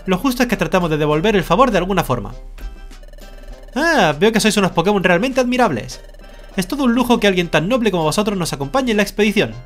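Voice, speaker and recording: A streamer from Spain voicing a scheming male skunk boss in a video game, smooth-talking and falsely polite. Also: mid-range voice, lively intonation, fast, soft background music, pitched above the performer's own voice, close to an everyday voice. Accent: Spain Spanish.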